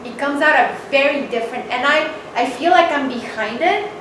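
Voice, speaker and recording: A woman from Mexico gives a storytelling talk as a guest speaker before an audience in an event hall, retelling events in a candid, personal, animated way. Her voice is high-pitched at a moderate pace. The mic is far off, making the recording echoey, distant and noisy.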